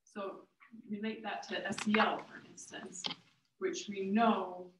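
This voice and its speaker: A woman's voice: mid-range voice, little pitch movement, slow, noisy background. A woman, a parent, asking the speaker a question in a class, hesitant and searching for words. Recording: roomy, far from the mic.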